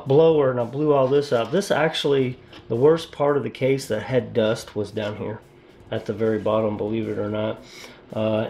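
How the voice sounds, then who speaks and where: A man's voice: medium pitch, darkish tone, slight background noise. A man casually narrating as he repastes and reassembles his computer, rambling and self-deprecating, talking to himself as he works. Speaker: PC hobbyist vlogger. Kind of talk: casual narration while working on a PC.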